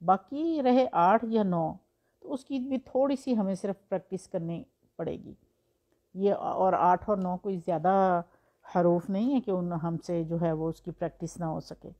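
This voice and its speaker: A woman's voice: fairly low pitch, warm tone. A woman teaching Quran recitation in a patient, explanatory way, using examples and rhetorical questions. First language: Urdu. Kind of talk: explanatory religious lesson.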